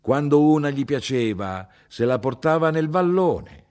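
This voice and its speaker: A man reading the part of a blunt, indignant middle-aged mother who talks in a sharp, insistent way. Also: animated, unhurried, close to an everyday voice. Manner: sharp, insistent, rising in pitch.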